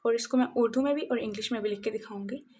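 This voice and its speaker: A woman teaching a casual beginner language lesson, slowly repeating each sound as she writes it. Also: fairly high pitch, mellow, breathy edge. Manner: slow, repetitive drilling of sounds while writing. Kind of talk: casual spoken lesson, mixing Hindi-Urdu and English.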